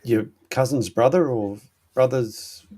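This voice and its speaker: A man's voice: mid-range voice, slow pace, mellow. A man in his fifties in casual group chat, laid-back and joking. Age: 50s. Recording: noisy line.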